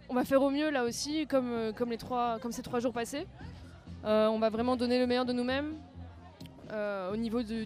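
A woman's voice: a little high, a little mellow. A woman competing in an adventure race, answering interview questions hesitantly with many restarts, music faintly behind. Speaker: race participant.

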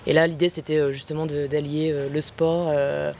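A woman's voice: low-pitched, little pitch movement, normal speed, darkish tone, a little hiss or hum. A woman, a doctor, chatting enthusiastically about a race with lots of hesitations. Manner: enthusiastic, many fillers. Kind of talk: casual interview. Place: outdoors in Cambodia.

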